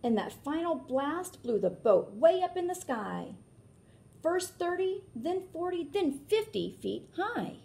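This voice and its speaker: With a very high, creaky voice, a woman slowly reads a picture book to children like a teacher would. She stays animated, slipping in explanatory asides and asking her audience questions.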